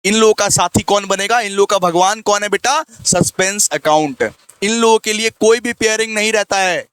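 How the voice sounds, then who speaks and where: A man's voice: sits high, normal speed, a bit bright, clean tone, dry recording. A man teaching a lecture in a playful, teasing way, repeating key lines in a sing-song and answering his own questions. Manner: repetitive, teasing, sing-song call-and-response with himself.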